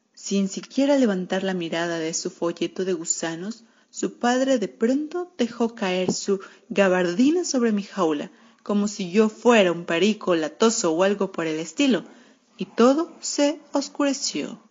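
A woman reads a storybook aloud at a middle pitch, her narration wry and sardonic. The radio recording sounds dull and lo-fi. Her delivery stays dry and mocking. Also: animated, measured pace, darkish tone. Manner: wry, sardonic first-person narration as a cat.

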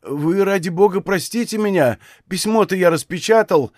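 Fawning old village postmaster, pleading and higher than the reader's own voice, done by a male narrator. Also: lively intonation, moderate pace, a little mellow, no room sound, clean studio sound. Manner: pleading, apologetic.

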